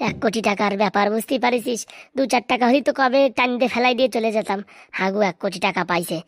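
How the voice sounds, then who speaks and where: A woman's voice: high voice, gravelly, no echo, studio quality. A woman voicing a quarrelsome middle-aged housewife in a Bengali cartoon, with a Bengali accent and a coarse, scolding way of talking.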